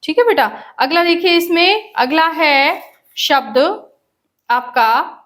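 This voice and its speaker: A woman's voice: sits high, lively intonation, fairly bright tone. A woman teacher giving a grammar lesson, working through examples step by step and asking her students questions, then answering them herself. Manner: slow, repeating questions to students.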